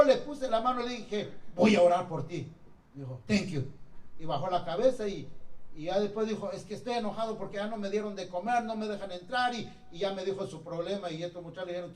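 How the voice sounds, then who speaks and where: Animated pastor, high voice, echoey hall. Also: male voice, quick pace, far from the mic. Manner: animated, acts out quotes and jokes. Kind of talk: sermon. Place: church hall.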